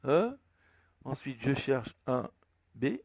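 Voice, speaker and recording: A man with a French accent slowly explaining, step by step, how to enter a flight plan, thinking aloud as he goes. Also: medium pitch, very animated, darkish tone, no room sound. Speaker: flight sim tutorial maker. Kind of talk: screen-recorded tutorial narration.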